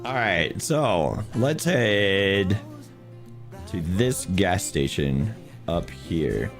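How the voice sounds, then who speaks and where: Over faint background music, a man plays a driving game on stream, his lost voice hoarse and unusually deep. He talks quietly and animatedly with drawn-out words to spare his voice, chatting with viewers and chuckling at himself.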